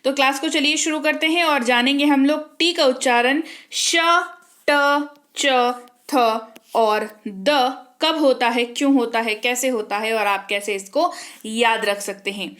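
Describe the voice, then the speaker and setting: A young woman runs an English pronunciation lesson in a high, clear voice. She spells each word out letter by letter, then quizzes her class and answers the question herself. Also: unhurried, a bit bright. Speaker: English teacher.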